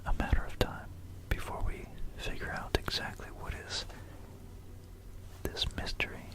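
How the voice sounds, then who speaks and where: An ASMR video creator and host narrates in an entirely whispered voice, pure breath with no real tone behind it. Her informal, rambling delivery is gentle, a little hesitant and a little slow, suited to bedtime listening. The recording quality is low.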